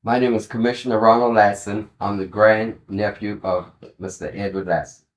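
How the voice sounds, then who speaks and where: A man's voice: on the low side, fairly even intonation, normal speed, poor audio. A man giving an oral history interview, sharing recollections as an interviewee.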